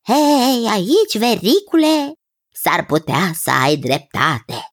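A woman's voice: on the low side, sing-song, fairly bright tone, no room sound, clean studio sound. A woman doing a gushing cousin Fripturică. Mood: enthusiastic. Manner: gushing, drawn-out praise. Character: cheerful male cousin, food lover, enthusiastic.

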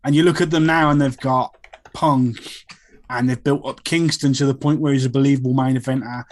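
A man calling into a podcast sounds nasal and stuffed up from a sinus infection. His mid-range voice is steady in tone and fairly quick as he thinks aloud in easygoing, rambling sentences during casual chat.

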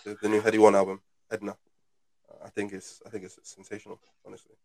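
A man's voice: on the low side, monotone, quick pace, creaky, crowd noise, rough recording. A man hosting a casual chat, repeating phrases for emphasis. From Britain. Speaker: podcast host.

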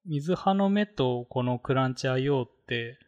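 A man's voice: medium pitch, animated, moderate pace, a little mellow, lo-fi sound. Rambling Japanese man in casual tech talk. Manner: rambling, many fillers. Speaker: podcast co-host. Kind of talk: casual tech podcast chat.

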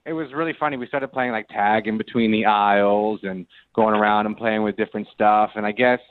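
A man's voice: fairly low pitch, steady tone, fairly quick, no room sound. A man in his late twenties, calling into a radio show and telling his story in a sheepish, rambling way over the phone. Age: late 20s. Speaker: caller. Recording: tinny phone line, dry.

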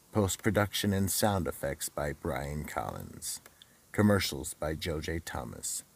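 A man playing a psychotic, sinister horror host and storyteller of an audio drama, gravelly and menacing, drawing out his words theatrically. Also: extremely low pitch, full character voice. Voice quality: gravelly, raspy. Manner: menacing, drawn-out delivery.

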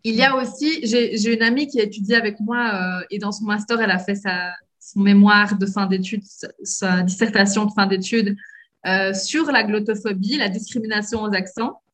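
A woman from Belgium with a softened Liège accent, explaining her views in a casual conversation with frequent hesitations. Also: mid-range voice, steady tone, moderate pace. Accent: Belgian French, from Liège, softened.

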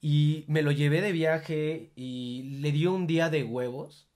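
A man's voice: on the high side, fairly even intonation, slow, a little mellow. A young man with a Mexican accent hosting a reflective monologue, informal and full of swearing, rising into emphatic bursts. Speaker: podcast host.

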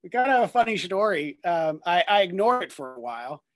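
A man's voice: high voice, big pitch swings, fairly quick, no echo. A man in his thirties, a ministry worker and guest, talking earnestly in a rambling way with many fillers and restarts. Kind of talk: conversational testimony.

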